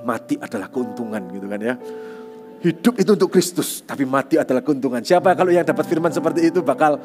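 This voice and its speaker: A man preaching a sermon as youth pastor, telling a personal testimony with lively storytelling and frequent tag phrases. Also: mid-range voice, quick pace, faint music behind.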